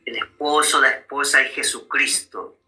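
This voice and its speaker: A man's voice: medium pitch, steady tone, moderate pace, bright, forceful tone, faint music behind, poor audio. A man preaching a sermon on marriage, often checking in with his listeners and calling them brothers. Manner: frequent tag questions to listeners.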